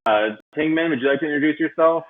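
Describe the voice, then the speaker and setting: A man's voice: fairly high pitch, fast talker. A man hosting a livestream in a loose, chatty way with many fillers, his voice coming through a robotic, metallic-sounding mic on a video call. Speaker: livestream host. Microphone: computer mic on a video call. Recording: tinny, phone-like online call audio.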